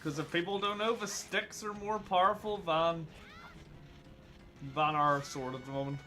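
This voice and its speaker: Casting: male gamer, light bright voice, a touch high, chatty and self-mocking commentary. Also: measured pace, a little hiss or hum. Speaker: gaming channel host. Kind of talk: casual let's-play commentary.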